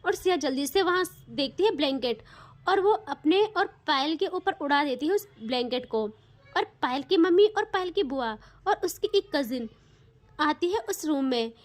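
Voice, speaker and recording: A woman's voice: high voice, lively intonation, moderate pace. A woman narrating an audio love story in a chatty, informal way.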